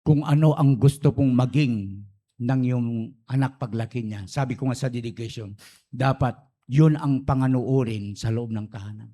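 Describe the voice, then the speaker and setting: A man's voice: medium pitch, moderate pace, warm tone. A man preaching a sermon, telling a story and slipping between Tagalog and English phrases.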